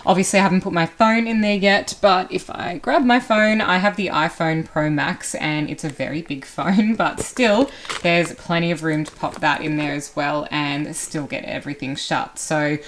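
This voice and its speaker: A woman's voice: sits low, moderate pace, a little hiss or hum. A young woman chatting casually in a day-in-the-life vlog, with hiccups now and then. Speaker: vlogger and interior designer.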